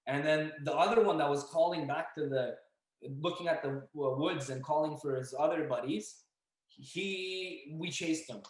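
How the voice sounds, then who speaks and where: Animated young man telling a story. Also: on the high side, moderate pace. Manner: animated, acts out dialogue and yelling. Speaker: podcast guest. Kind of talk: casual storytelling. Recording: echoey room.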